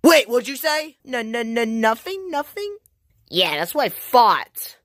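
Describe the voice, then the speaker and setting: A woman's voice: on the high side, very animated, unhurried, fairly bright tone, no room sound, studio quality, voice pushed up. A woman voicing a grumpy, suspicious younger brother plumber who questions bossily in a homemade plush toy skit.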